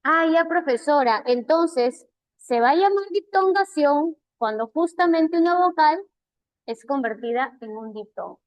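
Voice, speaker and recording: High-voiced Peruvian teacher, slow and patient. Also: female voice, lively intonation, a little mellow, no room sound, poor audio. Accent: Peruvian Spanish. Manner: patient, repeats key terms slowly. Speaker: language teacher. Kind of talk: online class feedback.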